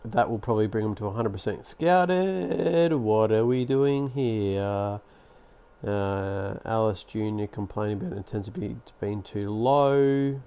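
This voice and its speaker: A man's voice: fairly low pitch, measured pace, clean tone, dull audio. A man giving casual, sarcastic commentary while playing a basketball management game. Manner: chatty, sarcastic, grumbles at the game. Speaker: gaming YouTuber.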